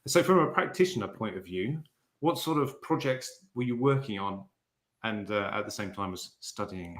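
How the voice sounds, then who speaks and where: A man's voice: lowish voice, lively intonation, normal speed, a bit bright, roomy sound. A man hosting an interview, enthusiastic and stumbling a little. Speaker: interview host, conference chair.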